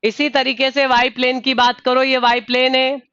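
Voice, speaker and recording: High, smooth-voiced male tutor. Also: little pitch movement, moderate pace, sharp tone, no room sound, muffled recording. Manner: calls on students by name and says "dear"; repeats questions patiently. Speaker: online exam tutor. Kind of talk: live online engineering lecture.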